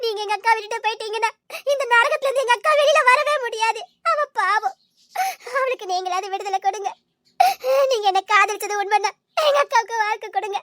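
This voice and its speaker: A tearful young sister in a home-made drama, voiced by a woman, pleading through her crying. Her voice is extremely high, and the recording is dry and close to the mic. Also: quick pace, fairly bright tone, no echo. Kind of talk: amateur drama dialogue.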